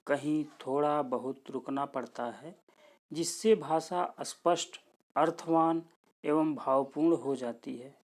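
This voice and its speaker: A male lecturer talks through a grammar lesson at an unhurried pace. He lays out each rule step by step and says his examples more than once so they sink in. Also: fairly high pitch, a little mellow. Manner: deliberate, explains step by step and repeats examples. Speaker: lecturer at a teacher training institute.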